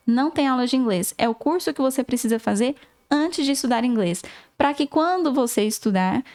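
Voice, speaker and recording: A woman's voice: high voice, lively intonation, brisk, darkish tone. A woman with a Brazilian Portuguese accent, an English teacher giving an online lesson in an encouraging, instructive way. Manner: encouraging, instructive, repeats points to the viewer.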